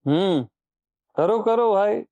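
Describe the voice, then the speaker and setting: A high-pitched man leads a satsang discourse in a mellow, unhurried voice. He puts questions to his audience, repeats his key lines, and presses them to answer. He sounds like a spiritual teacher speaking to a gathering. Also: animated, vocal fry, no echo. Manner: urges listeners on.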